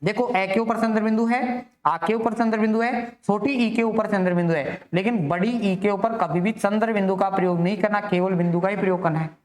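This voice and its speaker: A man's voice: high-pitched, fairly even intonation, fairly quick, few pauses. A man teaching a grammar lesson for exam students. He asks the class questions, answers them himself, and repeats the key terms. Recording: echoey room.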